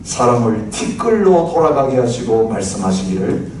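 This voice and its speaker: A man's voice: medium pitch, very animated, normal speed, a little mellow. Man preaching in a very echoey hall. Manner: chatty, asks the congregation, recites lyrics with laughter. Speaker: pastor. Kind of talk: sermon. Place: church hall. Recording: very echoey hall, distant mic, noisy.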